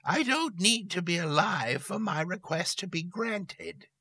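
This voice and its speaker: A man's voice: high-pitched, lively intonation, bright, forceful tone, no room sound, voice pushed up, full character voice. A man playing a cool, stern old woman. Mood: earnest. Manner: cool, firm, slow and deliberate.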